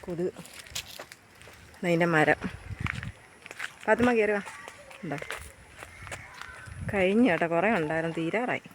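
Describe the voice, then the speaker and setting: A woman's voice: lowish voice, measured pace, pauses often. Chatty mother vlogging on a noisy walk. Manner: chatty, calling out to her children as she walks. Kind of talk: casual family vlog, walking and chatting. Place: outdoors on a rural road. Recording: outdoor background noise.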